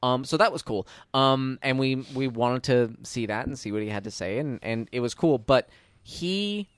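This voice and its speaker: A man's voice: medium pitch, normal speed, clean tone, dry recording. A man chatting casually, rambling with lots of fillers as he tells a story. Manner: rambling, many fillers, gets louder when excited. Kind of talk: casual chat.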